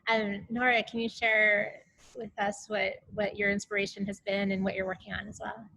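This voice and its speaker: Woman moderator, bright voice, friendly, halting, speaks over a video call. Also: mid-range voice, flat delivery, vocal fry, low-quality recording. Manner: halting, friendly with many fillers. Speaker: panel moderator. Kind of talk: panel discussion.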